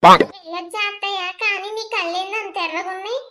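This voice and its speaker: A woman's voice: extremely high pitch, steady tone, brisk, pushed and bright. A woman voicing a young wife in a cartoon who asks probing, pointed questions. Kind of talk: cartoon voice acting.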